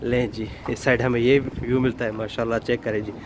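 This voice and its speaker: A vlogger who also works as a delivery driver chats casually about the sights around him, often exclaiming in admiration. His mid-range voice is level and brisk. He records on a handheld phone with no external mic, in a moving car and outdoors, with loud traffic and outdoor noise.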